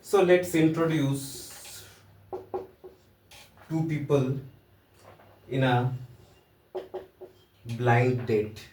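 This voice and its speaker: A man's voice: medium pitch, extremely slow, long pauses, a little mellow, slight background noise. A man with an Indian accent giving a casual, joking lesson in loose, hesitant phrasing. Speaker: teacher. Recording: roomy echo, voice from a distance.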